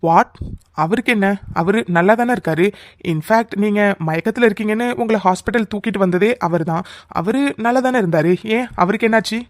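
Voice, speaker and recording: A voice actor playing a self-assured cartoon chief doctor who talks in a brisk, dismissive way. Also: mid-range voice, no room sound, studio quality, lightly acted. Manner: brisk and dismissive, mixes English phrases. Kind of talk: cartoon voice acting.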